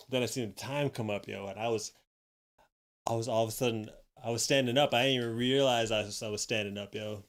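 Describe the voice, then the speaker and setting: A man hosts a casual stream conversation in a relaxed, easygoing way. He leans on slang and keeps ending phrases with yo. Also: mid-range voice, a little fast. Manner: laid-back slang, "yo" after phrases. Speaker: stream host. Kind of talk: casual chat.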